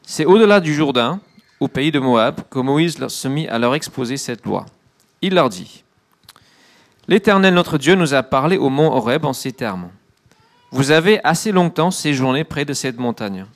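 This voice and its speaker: A man interpreting a sermon line by line and reading scripture, quick and fluent. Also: medium pitch, animated. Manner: quick, fluent rendering with brief fillers.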